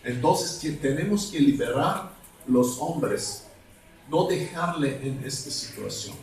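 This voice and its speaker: Slow-preaching evangelist man in echoey hall. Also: mid-range voice, expressive, darkish tone, slight background noise. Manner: slow, halting, asks congregation for words. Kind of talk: deliverance sermon. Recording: echoey hall, mic at a distance.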